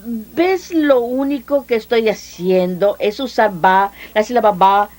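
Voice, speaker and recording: A woman preaching to a live audience, her voice sitting a little high. She teaches with energy and keeps asking the listeners questions. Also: unhurried. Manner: lively, addresses audience with questions. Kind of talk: teaching at a healing seminar.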